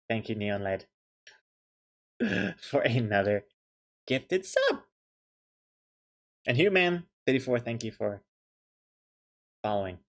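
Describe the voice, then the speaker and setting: This young man from New Zealand chats loosely on his stream while he draws, joking and thanking viewers. His voice is mid-range and a touch bright.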